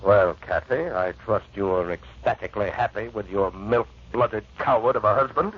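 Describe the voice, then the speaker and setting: A brooding, vengeful lover in an old radio drama. His low, husky voice is scoffing, scornful and full of menace, on a muffled recording. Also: normal speed. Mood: contemptuous menace.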